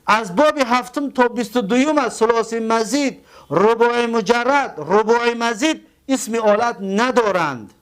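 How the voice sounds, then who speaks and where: A man with a Tajik accent teaching a grammar lesson. He goes slowly, repeats words and spells them out letter by letter. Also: extremely high pitch, fairly bright tone, clean tone.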